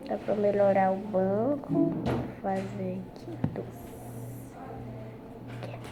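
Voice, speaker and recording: A woman's voice: mid-range voice, animated, slow, phone-quality sound, loud music behind the voice. A woman hosting a gaming channel, chatting casually to viewers at home and repeating her phrases as she plays. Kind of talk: casual gameplay commentary. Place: at home, family nearby.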